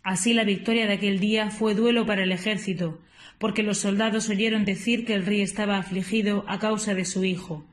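A woman reading scripture and prayers aloud for a morning liturgy, in a measured, steady way with small slips now and then. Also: mid-range voice. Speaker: liturgical reader.

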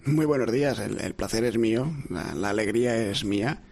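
Science guy on radio, talks with little pauses, even tone. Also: lowish voice, vocal fry. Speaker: science communicator guest. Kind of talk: radio interview.

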